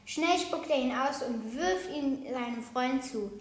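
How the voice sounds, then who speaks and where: A woman reading a children's picture book aloud with lively, expressive storytelling. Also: high-pitched, unhurried, noisy background. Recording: roomy echo.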